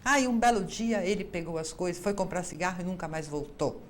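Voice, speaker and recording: A woman's voice: lowish voice, brisk, a little hiss or hum. A woman with a Brazilian Portuguese accent hosting an advice show as a psychologist, talking straight to viewers and acting out the quoted lines herself. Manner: lively, acts out quoted dialogue. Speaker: psychologist host.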